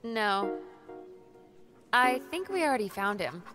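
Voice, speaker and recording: A man voicing an eager, caring young woman companion in an audiobook, in a high, airy and earnest manner. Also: very animated, slow pace, over music, full character voice. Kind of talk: audiobook character voice.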